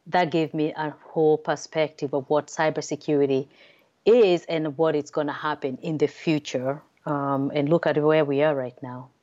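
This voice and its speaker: A woman speaks with a Kenyan accent in a low register. She explains things conversationally as an interview guest, often tagging points with "right?" The recording is a little dull and lo-fi. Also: a little mellow. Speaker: podcast guest, cybersecurity consultant.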